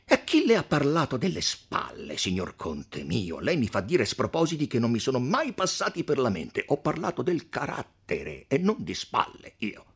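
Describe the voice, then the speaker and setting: A man voicing a pedantic, hot-tempered town magistrate who lectures loudly with Latin phrases in a read-aloud story. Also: mid-range voice, huge pitch swings, normal speed, hardly any pauses, husky, voice pushed up, exaggerated voice. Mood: indignant. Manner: shouting, lecturing with Latin tags.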